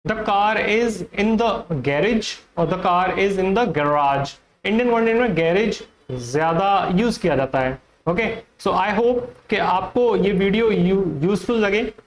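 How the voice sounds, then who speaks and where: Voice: mid-range voice, low-quality recording. A teacher with an Indian accent giving an online pronunciation lesson, repeating each word and asking viewers questions.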